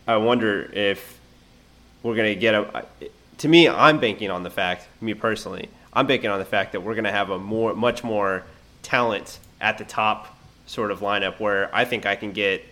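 A man co-hosts a casual sports podcast, leaning on fillers and trailing off as he thinks aloud. His voice sits a little low for a man. He keeps a laid-back delivery. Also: sharp tone. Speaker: podcast co-host. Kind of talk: casual sports betting chat.

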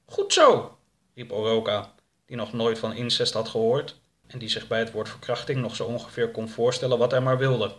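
A man narrating a storybook in a calm, steady way. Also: mid-range voice, brisk.

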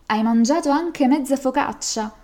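A woman's voice: high-pitched, moderate pace, a little mellow, pitched above the performer's own voice, lightly acted. A woman voicing a hot-tempered young male king who rails in indignant outbursts while reading a folk tale aloud. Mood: outraged.

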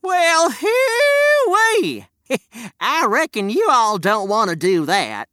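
A storyteller voicing a cantankerous old male prospector who drawls folksy exclamations, pitched high and loud. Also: huge pitch swings, takes it slowly, no room sound, clean studio sound, full character voice. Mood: cranky folksy. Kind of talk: storybook read-aloud.

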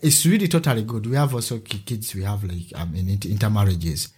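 A man from Uganda, a teacher and podcast guest, talking in an animated conversational interview style. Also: quick pace, noisy background. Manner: animated storyteller, acts out a child's voice with a higher pitch.

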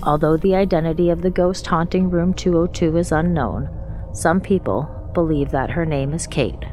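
A woman with a low-pitched voice narrates a scripted ghost story in documentary style. Her delivery is measured and even, like a storyteller working through an account, with music playing behind her. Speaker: narrator of haunted-place stories.

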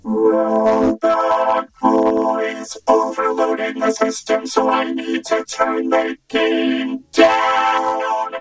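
A man speaking through a vocoder, turning his voice into a booming metallic robot during a synth demonstration. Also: faint music behind, low-quality recording. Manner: slow, drawn-out robotic monotone. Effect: vocoder robot voice, metallic and low. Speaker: synth gear reviewer. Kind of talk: product demonstration. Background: faint synth chords.

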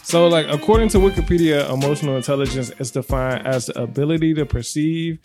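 A man hosting a relationship podcast, steering the talk in a relaxed, chatty way and laughing easily between points. Faint music plays under his voice. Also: on the high side, fast. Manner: easygoing, laughs often, leads the topic. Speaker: podcast host. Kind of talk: casual chat.

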